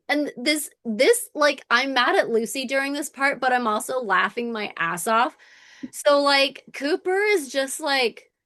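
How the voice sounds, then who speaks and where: A woman in a lively, casual recap chat, lurching from giggly outrage to thoughtful musing. Her voice sits a little high and comes across dry and close, with no room sound around it. She swears freely and bursts into little re-enactments of the characters. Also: no room sound. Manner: animated, swearing, acts out scenes. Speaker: podcast co-host.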